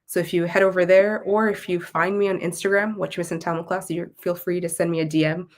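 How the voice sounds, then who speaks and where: A quick-paced woman with a lowish, level voice and a Canadian accent joins an interview as a guest. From Toronto, she works as a content creator and Tamil language teacher, and her speech is conversational, articulate, and reflective.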